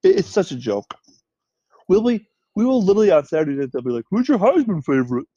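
A chatty, opinionated man trades college football takes with a friend. His voice sits somewhat high but sounds mellow. The recording is dull and dry. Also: big pitch swings, no echo. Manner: opinionated, chatty, quick to tease. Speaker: sports podcast co-host. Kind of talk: casual sports chat.

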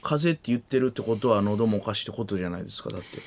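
A man with a Kansai accent and a sore, hoarse throat, co-hosting late-night comedy radio with animated, exclaiming quips. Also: fairly low pitch, very fast.

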